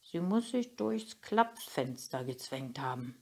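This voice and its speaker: A woman voicing a gruff, thoughtful old grandfather in a storybook reading, musing and grumbling as he talks. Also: rumbling low, very animated, slow pace, a little mellow, exaggerated voice.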